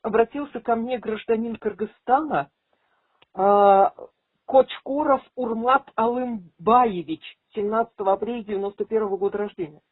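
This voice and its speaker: A woman's voice: mid-range voice, steady tone, brisk, dry recording. A woman making a formal complaint over the phone, arguing assertively as a rights advocate. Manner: assertive, argumentative. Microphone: telephone line. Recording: tinny phone call, radio-like.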